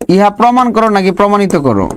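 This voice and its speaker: A man with a fairly high voice teaches a grammar lesson to his class. He keeps drilling the students, asking the same question over and over until they answer. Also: very animated, brisk, slight background noise.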